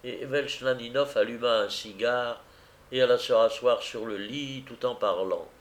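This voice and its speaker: A man narrating a literary novel aloud in a measured storytelling manner. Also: mid-range voice. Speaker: audiobook narrator.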